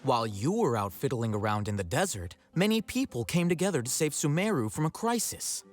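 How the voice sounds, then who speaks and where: Man doing a calm snarky scholar guy from a game, dry teasing, voice rises and dips a lot. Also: mid-range voice, fairly quick, soft background music, close to an everyday voice. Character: cool, sardonic young male scribe. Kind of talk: video game voice acting.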